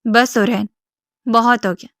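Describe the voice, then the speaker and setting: In a storybook reading, a woman voices a protective former soldier speaking to his daughter with gentle concern. Her voice is a touch high, dry and steady, with no room sound.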